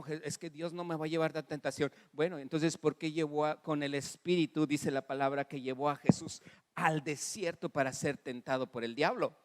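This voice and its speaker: Mexican preacher in a reverberant church hall. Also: male voice, fairly high pitch. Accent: Mexican Spanish. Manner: animated preaching with audience call-and-response; acts out dialogue in varied voices. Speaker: pastor. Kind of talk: sermon.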